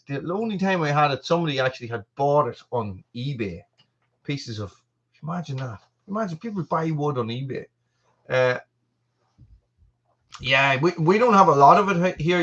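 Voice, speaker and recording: A man's voice: fairly high pitch, animated, moderate pace, a bit bright, lo-fi sound. An Irish man in his forties hosting a casual live stream, rambling along with lots of fillers and restarts. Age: 40s. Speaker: channel host.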